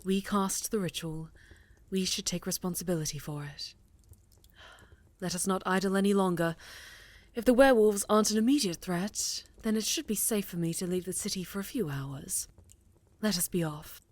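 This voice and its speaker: In a fantasy ASMR roleplay, a woman plays a stern, highly strung witch leader addressing a pupil in formal, commanding language. Her mood is grave and resolute, her pace moderate, and her acting light.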